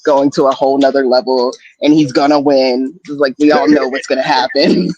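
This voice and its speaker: A man's voice: medium pitch, flat delivery, fairly quick, darkish tone, highs cut off. A man who grew up in Japan, a cosplayer guest, talking in an easygoing way with plenty of "kinda" and "like.". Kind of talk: casual group chat.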